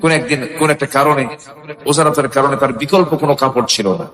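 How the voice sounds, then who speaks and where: A man preaching a Bengali sermon, telling a story with animated shifts of voice and sudden rising shouts. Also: mid-range voice, fast, a crowd in the background. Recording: echoey hall with long reverb.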